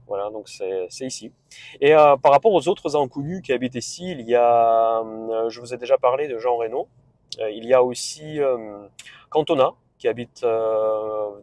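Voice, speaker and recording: A man's voice: fairly low pitch, darkish tone, no room sound. Russian guy speaking french, rambly travel vlog chat, lots of ums, dry close sound. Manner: rambling, many hesitations and restarts. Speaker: vlogger. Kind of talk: casual travel vlog talk. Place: on a road trip, in a car.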